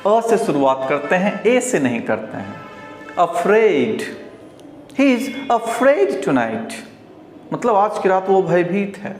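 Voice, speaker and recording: An Indian man from Bihar teaching English pronunciation, slowly repeating each word several times and drawing out the model words. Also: high-pitched, lively intonation, faint music behind. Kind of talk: pronunciation lesson. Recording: roomy echo, faint background hiss.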